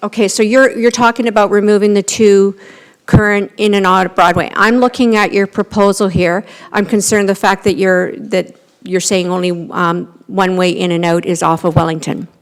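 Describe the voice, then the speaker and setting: At a council meeting, a middle-aged town councillor with a Canadian accent asks questions into a desk microphone in the council chamber. Her voice is smooth and mid-range, and her speech is full of fillers and restarts.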